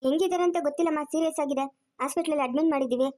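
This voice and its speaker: A woman's voice: high voice, rapid-fire, darkish tone, natural voice. A woman voicing a curt male police officer who speaks bluntly and matter-of-factly.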